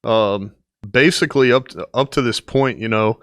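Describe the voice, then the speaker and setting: A man's voice: mid-range voice, moderate pace, fairly bright tone, dry recording, clean studio sound. A man hosting a podcast in a casual, upbeat way, with many fillers and restarts. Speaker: podcast host.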